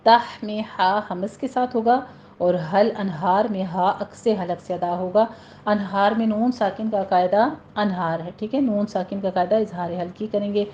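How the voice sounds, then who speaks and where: A woman teaching Quran recitation rules step by step, then reciting the example words slowly and drawn out. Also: mid-range voice, steady tone, a little mellow, dull audio, a little hiss or hum. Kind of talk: tajweed lesson with slow recited examples.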